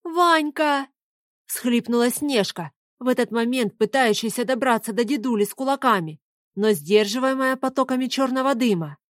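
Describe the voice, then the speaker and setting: A woman narrating a fantasy audiobook in a slow, dramatic manner. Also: on the high side, no room sound, studio quality.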